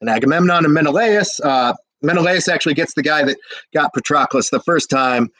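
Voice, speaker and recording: A man's voice: fairly high pitch, brisk, fairly bright tone, no echo, poor audio. A drunk young man retelling an old epic in a rambling, slangy way, with hiccups and lots of fillers. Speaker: drunk storyteller.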